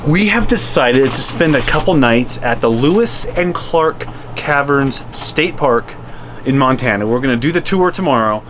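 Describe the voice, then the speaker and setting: A man chats casually as an RV travel vlogger, wandering through his thoughts without a script. His voice sits at a medium pitch, with faint ambient noise behind it. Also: animated, moderate pace, a bit bright. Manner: informal, unscripted, rambling. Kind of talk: casual, chatty vlog talk.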